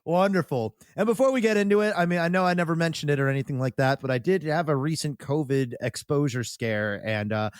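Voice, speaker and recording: A man's voice: on the high side, brisk, few pauses, dry recording. Casual male podcast host, dry sound. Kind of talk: casual chat.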